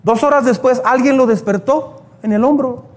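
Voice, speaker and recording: A man's voice: very high-pitched, moderate pace. A male pastor, preaching a sermon and telling stories, acting out the prayers he quotes.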